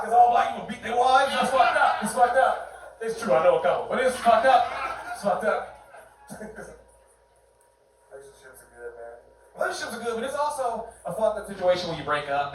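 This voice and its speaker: Man, stand-up comedian, animated delivery, faint crowd noise, roomy club. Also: recorded from a distance. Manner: animated, jumps into high put-on voices for bits. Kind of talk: stand-up set. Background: audience laughter.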